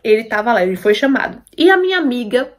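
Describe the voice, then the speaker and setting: High-voiced woman telling her story. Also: very animated, fast. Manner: emphatic, repeats herself, asks listeners for agreement. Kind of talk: personal storytelling to viewers.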